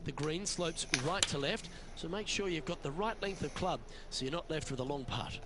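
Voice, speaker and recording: A man working as a golf commentator, calling a video game round in a measured broadcast delivery, describing holes and shots. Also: fairly high pitch, noisy background, close to an everyday voice. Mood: composed, informative. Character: composed male television golf commentator calling play. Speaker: golf commentator, lead announcer.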